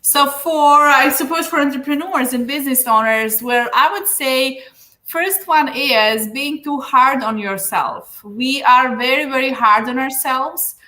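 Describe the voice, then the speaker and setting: In Dubai, a woman from Serbia answers interview questions, offering earnest advice as a business coach in Serbian-accented speech dotted with fillers. She speaks at a measured pace in a high-pitched, bright, forceful voice.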